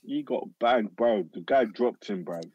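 A man's voice: fairly low pitch, lively intonation, unhurried, mellow, breathy edge, no echo. London roadman accent, slightly muffled man. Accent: London, urban street slang. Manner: slangy street talk. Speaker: podcast co-host, football fan. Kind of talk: casual banter.

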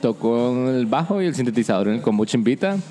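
A man from Colombia, raised in New York, a musician guest answering interview questions calmly and thoughtfully. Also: mid-range voice, brisk, music in the background.

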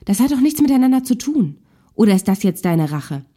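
A woman's voice: medium pitch, very animated, a little fast. Woman voicing a reproachful angry wife. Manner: sharp, reproachful. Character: angry wife in a marital spat.

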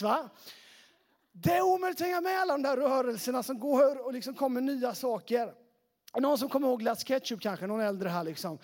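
Man, youth pastor, very high-pitched, casual chatty sermon, lots of fillers, speaking to a church crowd. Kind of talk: lively preaching to a young congregation.

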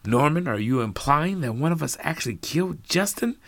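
A man voicing a shocked, indignant adult woman in a raised pitch. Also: huge pitch swings, unhurried, a bit bright, no room sound, heavily acted.

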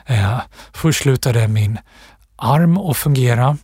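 Guest author, male, breathy voice, thoughtful and unhurried, dry close sound. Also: mid-range voice, animated, darkish tone, no echo. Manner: thoughtful, pausing, with restarts and fillers. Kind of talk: reflective interview talk.

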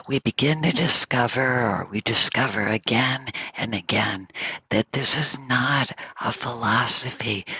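Guy giving a soft meditation talk, super slow and whispery, gravelly edge, dull lo-fi sound. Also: on the low side, no room sound. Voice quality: breathy, often half-whispered. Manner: slow, soft, with long pauses between phrases. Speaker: meditation teacher. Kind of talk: gentle guided dharma talk. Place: home, over an online session.

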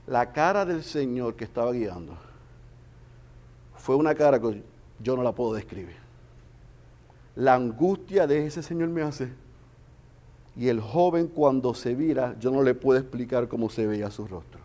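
A man preaching a sermon with passion, swinging between loud emphasis and hushed storytelling. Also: medium pitch, lively intonation, moderate pace, long pauses. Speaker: pastor.

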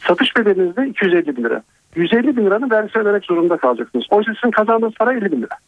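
A man on a telephone line, a financial advisor guest on call-in radio, explaining tax rules in a measured way with worked examples. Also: high voice, sing-song, noisy background. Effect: over a telephone line. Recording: thin, tinny phone line, dry.

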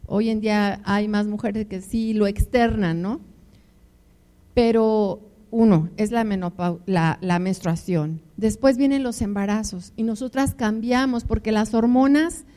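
A woman's voice: medium pitch, fairly even intonation, measured pace, warm tone. An older woman preaching to married couples, telling emotional personal stories and calling the listeners her beloved ones. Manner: emotional storytelling with personal anecdotes. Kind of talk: conversational sermon.

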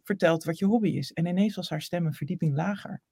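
A woman's voice: on the low side, quick pace, breathy edge, no echo, studio quality. A woman voice coach in a casual interview, telling stories and acting out the dialogue. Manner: animated storyteller acting out dialogue.

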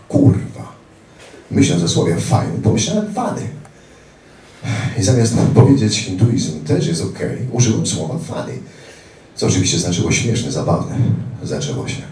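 A man's voice: extremely low pitch, gravelly, warm tone, slight background noise. A man reading a first-person memoir aloud with dramatic, blunt delivery. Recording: echoey room, distant mic.

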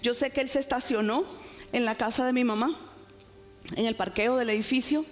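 A woman's voice: a little high, fairly even intonation, normal speed, soft background music. Preaching woman in a long-echo hall. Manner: dramatic storytelling, urging the congregation. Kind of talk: testimony sermon.

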